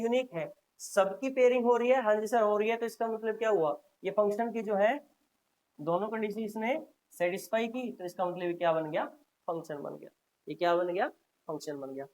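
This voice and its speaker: A man's voice: high voice, darkish tone. Man drilling a maths lesson. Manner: asks questions and answers them himself; repetitive, drilling, frequent "haan ji" prompts. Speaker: maths teacher. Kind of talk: classroom lecture.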